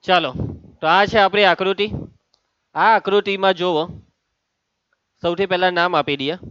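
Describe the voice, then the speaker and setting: A male maths teacher talks his class through a lesson in a chatty, teasing way, calling students by name. His voice sits high and smooth. The recording is dry, with a dull, lo-fi sound. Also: steady tone, measured pace, a bit bright, no room sound.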